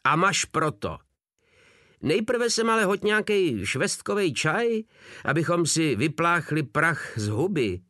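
A man's voice: fairly high pitch, very animated, sharp tone, dry recording, clean studio sound, voice pushed up. A man voicing a brash, crude, rowdy soldier who mocks and swaggers, with coarse speech. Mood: mocking.

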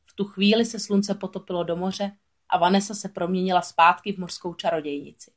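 A woman narrating a children's storybook aloud in a steady, expressive voice. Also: on the low side.

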